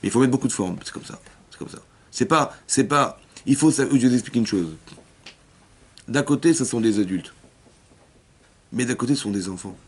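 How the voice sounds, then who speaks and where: A man, a rabbi, teaching a Torah class for women, talking rapidly and repeating himself, often checking that his listeners have understood and acting out little dialogues. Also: mid-range voice, husky. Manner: acts out dialogues within his explanations.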